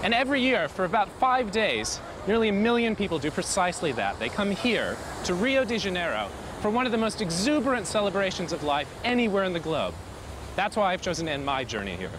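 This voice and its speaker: A man's voice: high voice, very animated, fairly quick. A man presenting a documentary to camera outdoors at a crowded street festival, projecting his voice. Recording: loud crowd and street noise.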